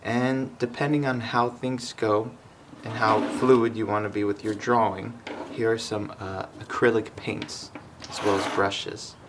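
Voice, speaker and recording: A young man from Southern California narrating a drawing demonstration as an art instructor, measured and explanatory with hesitant fillers. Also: on the low side, level tone, noisy background.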